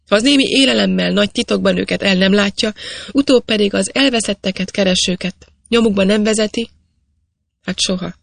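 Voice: medium pitch, gravelly, a bit bright, no room sound. Shy young mine girl voiced by a reader. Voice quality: hesitant, halting.

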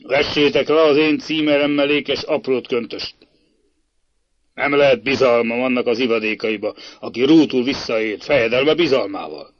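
A man voicing a stern, booming old prince. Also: dry recording, lightly acted. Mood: stern scolding. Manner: loud, scolding, commanding. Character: stern angry older male prince. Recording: dull lo-fi dry recording.

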